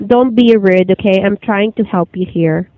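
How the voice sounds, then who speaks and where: A woman's voice: mid-range voice, moderate pace. Woman agent on a dull phone line. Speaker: directory call agent. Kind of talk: customer service phone call. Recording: slightly dull telephone line.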